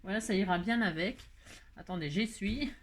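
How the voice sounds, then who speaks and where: A woman's voice: medium pitch, moderate pace. A middle-aged woman hosting a casual craft tutorial, chatty and rambling with lots of fillers and repeated words. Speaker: craft video host.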